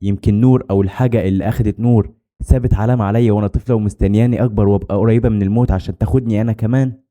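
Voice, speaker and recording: A man's voice: on the low side, steady tone, very fast, lo-fi sound. A man with an Egyptian accent narrating a first-person horror story in a dramatic, scripted storytelling manner. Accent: Egyptian Arabic.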